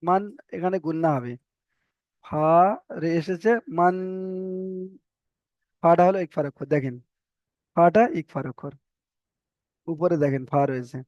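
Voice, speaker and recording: A man teaching Quran reading, spelling out letters and vowel marks and then chanting each word slowly. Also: on the high side, a little mellow, no echo, highs cut off. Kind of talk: spelled-out recitation lesson.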